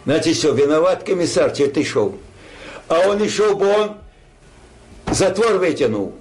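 A man's voice: a little high, lively intonation, moderate pace, a little mellow. An older man telling a war story like a grandpa, rambling and colloquial, acting out dialogue. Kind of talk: casual oral war storytelling.

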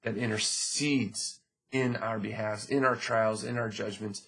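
Male pastor, fairly low and husky voice, preaching, reads verses then explains them, restarts and repeats himself often. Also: steady tone, unhurried, fairly bright tone, poor audio. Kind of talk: sermon.

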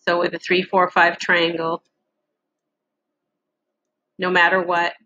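A middle-aged woman giving a casual, halting lesson walkthrough with frequent pauses, as an instructor on a screen-share recording. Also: on the low side, completely flat delivery, bright, forceful tone, muffled recording, a little hiss or hum.

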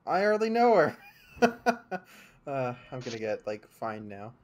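A young man streams a game from his room at home, chatting casually in a medium-pitched, very animated voice that runs a little slow. His talk rambles, full of fillers and restarts.

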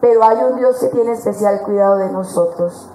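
A woman preaching a sermon at a women's conference, lively and acting out the voices of the people she quotes. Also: mid-range voice, normal speed, a little hiss or hum. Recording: echoey church hall.

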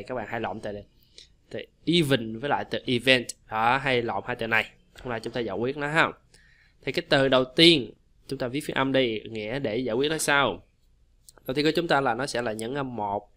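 A man teaching English pronunciation in a chatty, repetitive way, slowing down to model English words. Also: mid-range voice, bright, forceful tone. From Vietnam. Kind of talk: casual explanatory lesson.

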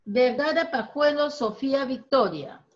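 Encouraging teacher, lo-fi call. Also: female voice, sits high, expressive. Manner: encouraging, corrects pronunciation slowly. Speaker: primary school teacher. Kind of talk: online reading class.

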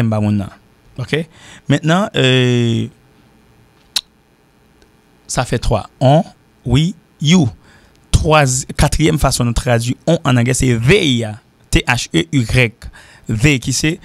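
A man from Haiti with a Haitian accent, teaching an informal language lesson and repeating example sentences slowly. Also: mid-range voice, creaky, no room sound. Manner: repeats example sentences slowly, switching between French and Creole. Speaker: English teacher.

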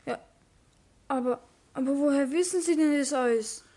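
In a 1960s radio play, a performer voices a timid, guilty teenage apprentice boy with a Bavarian accent, hesitating and stammering nervously. The voice sits high, warm in tone, at a normal speed.

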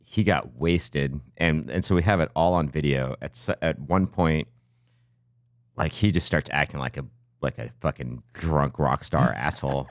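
A man's voice: a bass voice, normal speed, dry recording, studio quality. A man co-hosting a podcast, telling loose, profane stories full of fillers in casual chat. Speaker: podcast co-host.

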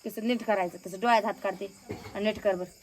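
A woman's voice: mid-range voice, fairly even intonation, quick pace, slight background noise. A young woman chatting casually in a home vlog, coaxing a toddler with questions. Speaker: village vlogger.

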